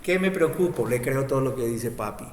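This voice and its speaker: A man's voice: mid-range voice, animated, a little fast, darkish tone. A male pastor preaching a sermon, asking rhetorical questions and answering them, with frequent "amén". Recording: roomy hall reverb, faint ambient noise.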